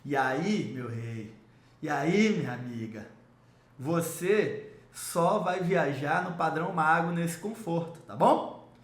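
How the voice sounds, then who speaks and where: A man's voice: lively intonation, slow. A man from Salvador, giving an enthusiastic, salesy explainer on travel rewards and speaking straight to the viewer. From Salvador, Brazil. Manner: enthusiastic salesy pitch, addresses viewer directly. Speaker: miles and travel rewards coach. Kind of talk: promotional explainer video. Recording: roomy echo.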